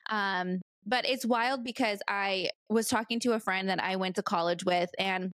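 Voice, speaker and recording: A woman's voice: mid-range voice, normal speed, fairly bright tone, dry recording, clean studio sound. A woman in her late thirties from California, hosting her own podcast in a rambling, chatty way with plenty of fillers. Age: 30s. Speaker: podcast host. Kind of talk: casual solo podcast chat.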